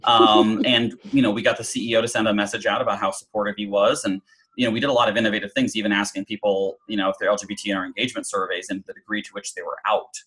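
A man's voice: fairly low pitch, little pitch movement, rapid-fire, fairly bright tone, poor audio. A middle-aged man telling a personal story in an interview, chatty, with many fillers and restarts. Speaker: guest.

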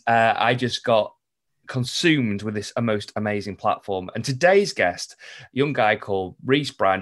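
A man hosting a podcast, speaking emphatically and building his points with repetition as he introduces and questions. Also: medium pitch. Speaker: podcast host.

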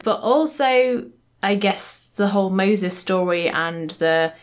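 A woman's voice: mid-range voice, expressive, slow pace. Woman co-host, conversational, explains at length, laughs easily. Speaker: podcast co-host. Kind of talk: casual chat.

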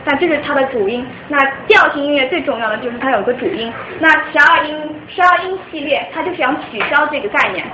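A woman's voice: high-pitched, lively intonation, fast, hardly any pauses. A young woman from China explaining music theory to a small group in an informal lecture, patient and restarting her sentences often. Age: young adult. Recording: echoey room, dull lo-fi sound, faint noise.

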